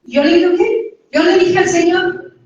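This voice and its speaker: A woman's voice: very high-pitched, steady tone, normal speed, darkish tone. A woman with a Mexican accent giving a church testimony, talking directly to listeners in a conversational way. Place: church hall. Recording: echoey church hall, distant dull mic.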